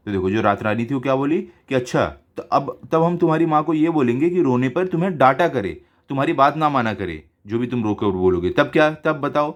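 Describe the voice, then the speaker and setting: A man teaching a school Hindi lesson, reading story lines slowly and then explaining them in simple words. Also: medium pitch, expressive.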